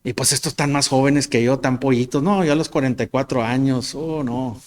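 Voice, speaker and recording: A man's voice: mid-range voice, steady tone, fairly quick, darkish tone. A man delivers a sermon. He talks like he is chatting with the congregation, poking fun at himself, and his sentences often restart and repeat. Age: 40s. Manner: conversational, self-deprecating, storytelling with stumbles and repeats. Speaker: pastor.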